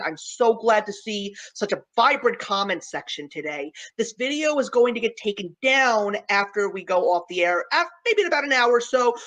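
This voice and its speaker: A woman hosting a live-streamed video chat, telling stories in a chatty, animated way and laughing often. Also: medium pitch, poor audio. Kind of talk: casual chat.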